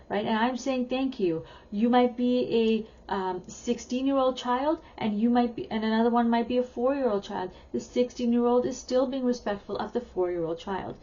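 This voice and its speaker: A woman's voice: fairly high pitch, dark tone, muffled recording. A woman who is a parenting educator, talking in a chatty, upbeat way and stressing key words as she teaches. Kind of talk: talking-head teaching video.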